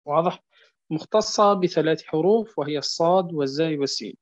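A man teaching a Quran recitation lesson, repeating each point and often asking whether it is clear. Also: fairly high pitch. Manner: drills words slowly, stretching them out. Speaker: tajweed teacher. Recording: dull lo-fi recording.

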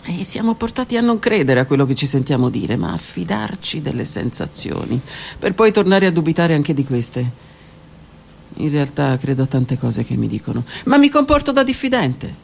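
On a radio broadcast with faint music and a little hiss or hum, an author reads her own book in a dramatic literary reading. Her voice is deep and gravelly, very animated yet hushed, slow and intimate, with some words whispered.

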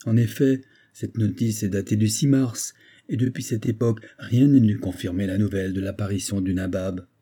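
A man's voice: lowish voice, fairly even intonation, normal speed, warm tone, husky. A man voicing a loyal, reasoning engineer friend in an earnest tone.

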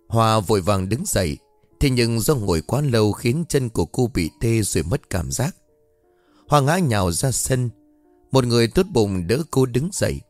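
A man narrating a dramatic story in a steady, measured way. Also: medium pitch, no room sound.

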